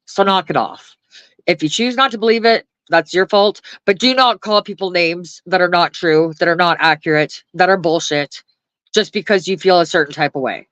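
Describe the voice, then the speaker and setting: Holding her phone close on a live stream, a woman with a lowish, slightly bright voice rants and chats with viewers at a moderate pace. She's blunt, swears constantly, laughs often, and talks to both her chat and her dog; the recording is rough, with no echo.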